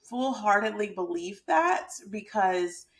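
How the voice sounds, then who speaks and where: A woman's voice: mid-range voice, animated, takes it slowly. Chatty Southern woman from Georgia. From Georgia, USA. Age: 30s. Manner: informal, conversational, addresses viewers directly. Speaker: mindset mentor and YouTube host. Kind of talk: casual chatty explainer vlog.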